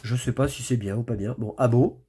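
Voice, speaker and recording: In a husky, dark-toned voice of medium pitch, a man briskly talks his way through opening trading card packs for his YouTube channel. It's chatty, casual commentary, with card names muttered as he flips.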